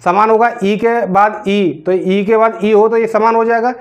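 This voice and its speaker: High-voiced teacher explaining grammar. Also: male voice, level tone, moderate pace. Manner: repeats questions to the class, drags out words while writing. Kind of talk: classroom grammar lesson.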